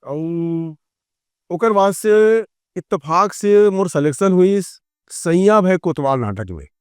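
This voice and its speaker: A man's voice: high voice, slow pace, smooth, dry recording, clean studio sound. A middle-aged man with a Chhattisgarhi accent telling stories in a casual interview, rambling and acting out the lines he quotes. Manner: rambling, animated, acts out quoted dialogue. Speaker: filmmaker and theatre actor.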